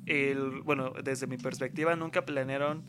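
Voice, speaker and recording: Here a young man with a Mexican accent speaks at normal speed in a steady, mid-range voice. A university student, he rambles casually and uses plenty of slang. In this relaxed conversation, he imitates the things others told him.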